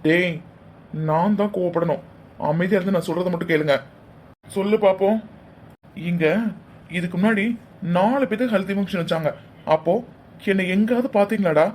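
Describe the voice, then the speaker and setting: A man's voice: sits high, fairly quick, long pauses, darkish tone, a little hiss or hum. A man voicing a protective brother in a cartoon, scolding and sarcastically threatening the other family. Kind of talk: cartoon dialogue acting.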